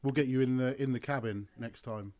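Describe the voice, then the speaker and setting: A man's voice: mid-range voice, steady tone, a little fast, a crowd in the background. A man co-hosting a podcast in casual chat, making dry, wry remarks. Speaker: podcast co-host.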